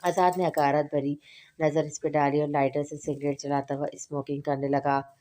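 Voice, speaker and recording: A woman's voice: low voice, flat delivery, normal speed, mellow. A woman reading a romance novel aloud, voicing every character's lines in her own voice. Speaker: novel narrator.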